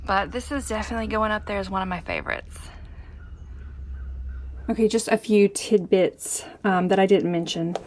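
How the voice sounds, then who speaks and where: A woman's voice: mid-range voice, moderate pace, a little mellow. Casual, chatty woman with background noise. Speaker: quilter presenting her own finished quilt. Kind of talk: casual show-and-tell vlog.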